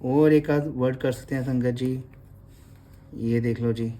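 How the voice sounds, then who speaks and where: A man gives a gentle, unhurried script lesson. He takes his time, repeating and drawing out the sounds of the letters. He addresses his listeners respectfully throughout. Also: mid-range voice, fairly even intonation, slight background noise. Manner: slow, patient, drawn-out letter sounds, calls listeners sangat ji. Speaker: Gurmukhi teacher. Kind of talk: slow classroom explanation with prayer.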